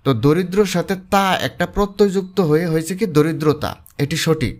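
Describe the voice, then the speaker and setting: Higher-voiced man tutoring exam questions. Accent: Bangladeshi. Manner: steady explaining, spells out examples slowly. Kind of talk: explanatory lesson.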